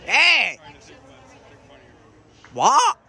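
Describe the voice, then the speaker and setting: A man giving excitable sideline commentary on a youth soccer match, groaning and shouting as plays unfold. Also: very high voice, very slow, vocal fry, some chatter behind. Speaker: amateur commentator.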